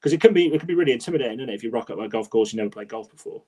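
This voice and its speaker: A man's voice: mid-range voice, animated, rapid-fire, mellow, slightly rough. A man, co-hosting a casual podcast chat, talking with enthusiasm and rambling restarts. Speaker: podcast co-host.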